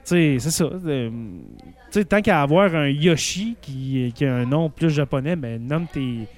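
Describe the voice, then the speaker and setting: A man's voice: fairly high pitch, lively intonation, unhurried. A man with a Québécois accent hosting a casual chat, rambling with many false starts and fillers. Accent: Québécois French.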